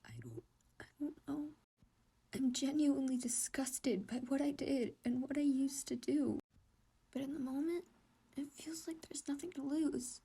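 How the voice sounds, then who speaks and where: A woman's voice: high voice, unhurried, dark tone. A woman voicing an anxious, distressed teenage boy in a whispered role-play, with shaky, pleading, self-questioning speech. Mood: tearful.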